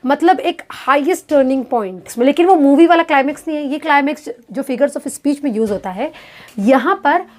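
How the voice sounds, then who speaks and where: High-voiced woman teaching a grammar lesson. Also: a little mellow. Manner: explains step by step, asks and answers her own questions; reads English examples slowly and deliberately. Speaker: English teacher.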